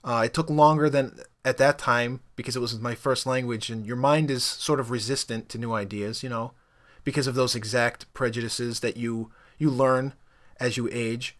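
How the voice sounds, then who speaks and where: Speaking at a normal speed with a steady, mid-range tone, this young Spanish-speaking man talks casually to camera about picking up languages. It's an offhand opinion piece, conversational and full of fillers as he wanders from point to point.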